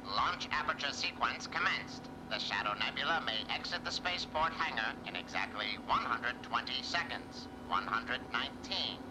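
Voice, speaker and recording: A man's voice: medium pitch, lively intonation, moderate pace, few pauses, noisy background, lightly acted. A man playing a dutiful mission-control robot, formal and mechanical, in a retro sci-fi radio drama. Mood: flat, dutiful.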